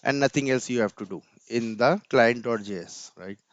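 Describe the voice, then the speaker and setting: A man with a medium-pitched voice walks through an informal screen-share coding tutorial step by step, at a moderate pace. He often ends sentences with "right?" The computer mic sounds dull, with no echo.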